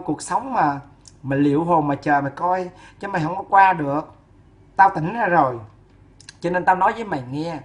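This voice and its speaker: A woman scolding someone in a fierce, insulting, sing-song rant. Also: lowish voice. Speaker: woman ranting at a neighbor. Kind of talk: ranting scolding monologue.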